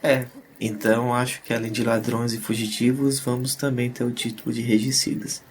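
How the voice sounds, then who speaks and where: A man's voice: medium pitch, flat delivery, normal speed, slight background noise, pitched above the performer's own voice, natural voice. A man voicing a sarcastic, knowing young adventurer mage in a fantasy audio drama, wry and explanatory.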